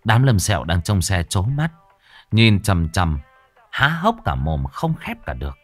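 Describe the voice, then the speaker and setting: A man narrating a comic folk tale in a lively, colloquial way. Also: sits low, a little slow, dry recording, faint music behind. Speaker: storyteller.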